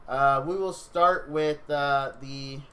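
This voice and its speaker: A man's voice: fairly high pitch, fairly even intonation, slow pace, fairly bright tone. A tired man streaming a video game, chatting casually and rambling to his viewers. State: tired, yawning.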